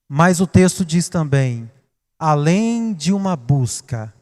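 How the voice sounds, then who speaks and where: A man with a Brazilian Portuguese accent preaching a sermon, dramatic, swinging from hushed to loud. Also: a little high, sing-song, slow. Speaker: pastor. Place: church. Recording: reverberant church hall.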